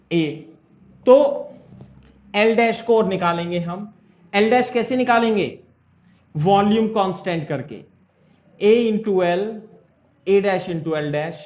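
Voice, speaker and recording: A man's voice: high-pitched, darkish tone. A male physics teacher giving a classroom lecture, working through a problem step by step and often checking whether his students follow. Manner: explains step by step and keeps asking if students follow. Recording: echoey room, dull lo-fi sound.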